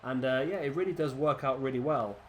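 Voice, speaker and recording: A brisk, mid-range male voice with a little hiss or hum belongs to a gaming commentator nursing a cold. Congested, he rambles chattily through casual gameplay commentary and restarts often.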